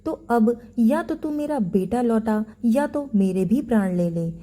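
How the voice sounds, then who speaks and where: A pious, gentle old mother from a village folk tale, voiced by a woman narrator. She pleads and implores in a mellow, warm voice. The telling is storybook style. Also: fairly high pitch, lively intonation, a little slow. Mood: desperate pleading.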